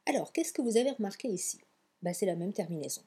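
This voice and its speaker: Mellow, husky teacher woman. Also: medium pitch, lively intonation, quick pace. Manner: chatty, encouraging, mixes English phrases into French. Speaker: English pronunciation teacher. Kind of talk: online language lesson.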